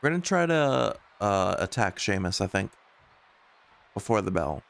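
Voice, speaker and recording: A man's voice: lowish voice, sing-song, measured pace, gravelly. A man streaming a video game, giving casual commentary and thinking aloud in a conversational way.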